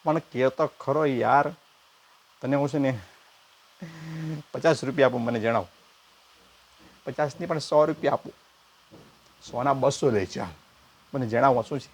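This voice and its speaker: A man telling a comic story as a mimicry comedian, acting out both sides of the dialogue with animated, expressive delivery. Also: mid-range voice, unhurried, long pauses, husky.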